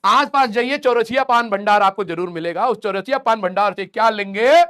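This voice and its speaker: A man's voice: high voice, a little fast, fairly bright tone, smooth. Joking, teasing male physics teacher. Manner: joking, teasing, playful scolding. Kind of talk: comic classroom lecture.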